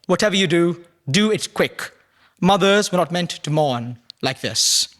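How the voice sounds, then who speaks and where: Solemn young man reciting poetry. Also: lively intonation. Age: young adult. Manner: measured, solemn reading, dropping low and soft at line ends. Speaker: poet reading at a prize ceremony.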